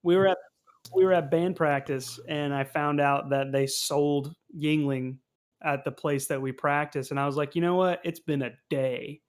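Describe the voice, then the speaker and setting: Animated young man telling stories. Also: a little high, moderate pace, clean tone. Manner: animated storyteller, laughs often. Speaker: podcast co-host. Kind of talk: casual chat.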